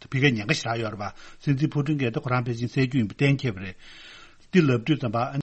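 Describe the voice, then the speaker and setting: A man's voice: medium pitch, husky. A man talking alone about world affairs in a rambling, run-on way. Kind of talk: solo talk on world affairs.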